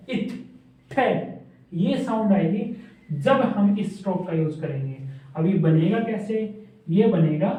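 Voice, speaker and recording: A man's voice: high-pitched, lo-fi sound. A man teaching a shorthand lesson at a board, repeating each point and checking that students follow. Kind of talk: classroom lesson at a whiteboard. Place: classroom with a board. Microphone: camera's mic from across the room. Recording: very echoey room, voice far off.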